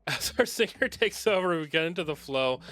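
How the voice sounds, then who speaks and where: A man streaming, reading a visual novel aloud with expressive narration while sniffly with a cold. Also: a little high, a little fast, soft background music. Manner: expressive narration, breaks off to joke and apologize. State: sneezing, stuffy nose.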